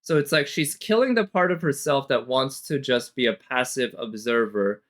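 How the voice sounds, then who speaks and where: Speaking at a normal speed in a rumbling low voice, a woman streamer reacts casually to a game trailer. She speculates and works through her thoughts aloud, with the trailer music audible behind her.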